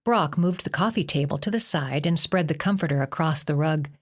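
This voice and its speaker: Low-voiced woman narrating a novel. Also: a little fast. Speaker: audiobook narrator. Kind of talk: scripted narration.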